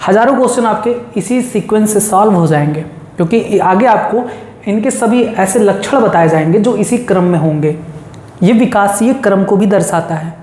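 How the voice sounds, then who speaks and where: Lady teacher running thru a list over n over, mellow voice, echoey room. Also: medium pitch, normal speed. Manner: drills lists, repeats lines for memorizing. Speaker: biology teacher. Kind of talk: classroom lesson. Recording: roomy echo.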